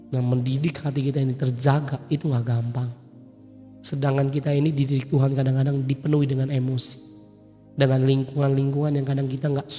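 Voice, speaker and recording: A male preacher, telling a personal story in a casual sermon, swinging from loud emphatic peaks to quiet asides. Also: medium pitch. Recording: long hall reverb, soft music behind.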